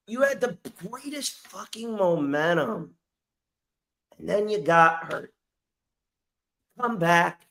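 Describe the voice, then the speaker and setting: Male podcast host, crude profane roaster, high and lively voice, unhurried. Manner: crude mocking insults.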